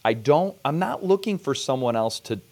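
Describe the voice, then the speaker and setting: A man's voice: medium pitch, animated, normal speed, a little mellow. A man hosting a podcast interview, talking in a reflective, conversational way before asking his guest a question. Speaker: podcast host.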